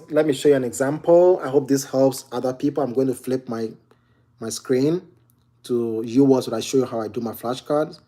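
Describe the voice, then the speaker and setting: A dark-toned, mid-range voice belongs to a young Ghanaian medical exam tutor with a Ghanaian accent. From his home near the kitchen he runs a chatty, casual Q&A on exam study, restarting often and using plenty of fillers.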